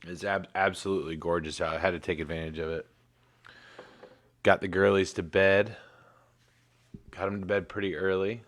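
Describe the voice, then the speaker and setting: A man's voice: low voice, fairly even intonation, normal speed, pauses often, fairly bright tone, no room sound. A man in his thirties hosting a casual livestream sports show, laid-back and rambling with plenty of fillers. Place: home in Michigan.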